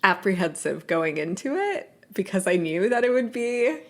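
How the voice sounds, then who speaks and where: A woman's voice: mid-range voice, very animated, moderate pace. A woman co-hosting a casual book podcast, chatting and laughing along with her friend. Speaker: podcast co-host. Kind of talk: casual chat.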